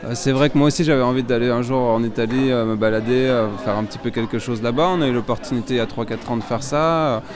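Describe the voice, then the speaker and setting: Speaking fast with hardly any pauses, this man has a medium-pitched voice, with music and loud crowd noise in the background. He's a filmmaker from France being interviewed outdoors, hesitant and prone to fillers and restarting his sentences.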